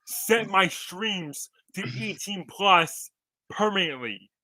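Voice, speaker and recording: A man's voice: sits high, lively intonation, slow, a loud crowd, poor audio. A man in his twenties co-hosting a podcast over a video call, rambling casually and laughing often. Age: 20s. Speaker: podcast co-host.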